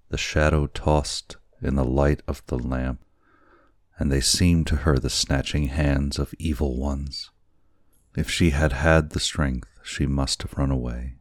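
A man narrating a classic story as an audiobook, in a measured, deliberate reading. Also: very deep voice, no room sound, studio quality.

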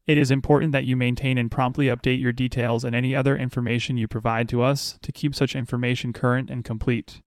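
A man narrating as a sleep story host, reading in a measured, deliberate bedtime style. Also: medium pitch, flat delivery, no room sound, clean studio sound. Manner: measured, unhurried, deliberate phrasing.

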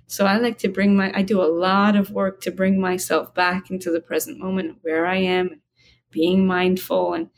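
A spiritual guide appears as a guest in a conversational interview, speaking with a medium-pitched female voice in a calm, reflective manner. She slows her words down when stressing a point, and a faint noise runs beneath the recording.

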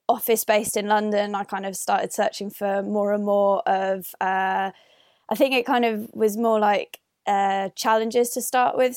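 Woman, young adult guest on a call, gravelly, halting chat, dry sound. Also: mid-range voice, a little mellow, no echo. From Northern Ireland. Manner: hesitant, many fillers and restarts. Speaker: guest, adventure athlete. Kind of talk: casual interview answers. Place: home, remote call.

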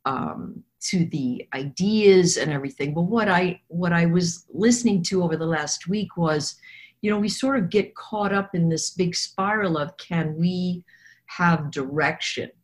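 A woman speaks in a fairly low voice, hoarse and froggy with a smoker's rasp. She rambles a little as she thinks aloud, giving conversational commentary on the markets as a guest. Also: unhurried. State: hoarse from coughing. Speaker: trader and technical analyst guest.

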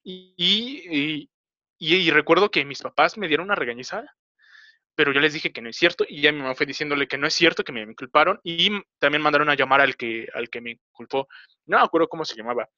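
A young man with a Mexican Spanish accent telling a personal story in casual talk, halting and rambling with many filler pauses. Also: a little high, expressive, sharp tone, no room sound. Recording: slightly dull, dry recording.

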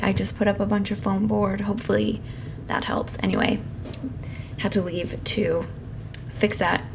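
As a solo podcast host, a woman chats casually with her audience even as her slightly hoarse voice begins to go, adding apologetic asides. A noisy truck rumbles by outside, plainly heard in the background.

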